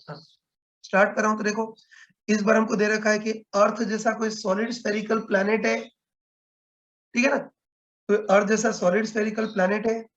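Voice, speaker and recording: A man's voice: high voice, lo-fi sound. A man teaching a physics class online, explaining step by step and checking in with students often. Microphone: video call.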